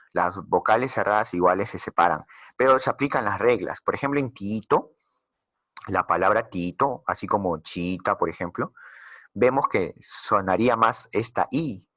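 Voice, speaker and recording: A man teaching a recorded slide lesson, patiently explaining and slowly repeating key words. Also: fairly low pitch, a bit bright, no room sound.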